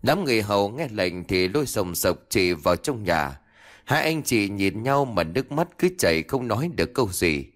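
A man's voice: lowish voice, big pitch swings, normal speed. A man narrating a ghost story dramatically.

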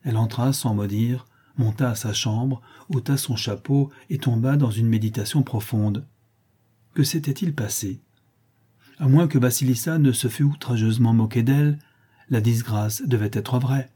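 A man narrating a classic novel aloud in a measured, even storytelling manner. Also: medium pitch, husky. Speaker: audiobook narrator. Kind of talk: scripted literary narration.

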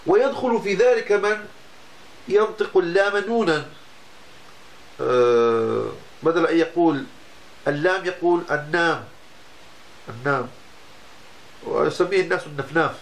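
A man, a religious teacher giving a lesson on Islamic law, explaining patiently and often breaking off to restart a word. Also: a little high. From Morocco.

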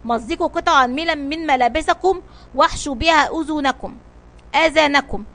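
A woman voicing a brave male sea captain who shouts commands in a children's storybook reading. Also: sits high, brisk. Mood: commanding.

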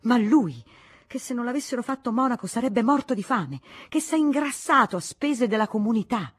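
A woman reading aloud voices an outraged old spinster noblewoman who shouts insults, her voice pitched well above her own. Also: lively intonation, normal speed, husky. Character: shrill furious old spinster aristocrat woman.

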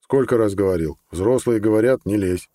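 A man's voice: lowish voice, moderate pace, warm tone, dry recording, studio quality, close to an everyday voice. Grumbling old healer, voiced by a man. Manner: grumbling, scolding. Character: grumpy older male healer, sarcastic moralizer.

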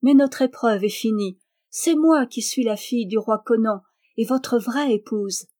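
A woman's voice: on the high side, measured pace, close to an everyday voice. A woman voicing a young princess who teases her husband playfully. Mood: joyful. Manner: teasing, lively.

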